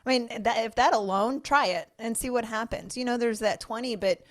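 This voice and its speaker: A woman's voice: on the high side, fairly quick, no echo. A woman co-hosting a parenting discussion, explaining her points earnestly. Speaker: podcast co-host, family services worker. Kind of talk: conversational discussion.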